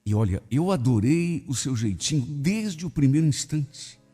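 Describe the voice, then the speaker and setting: A male radio host reading a listener's love story aloud in an expressive, dramatic storytelling manner. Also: on the high side, moderate pace, breathy edge, big-room sound. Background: soft background music.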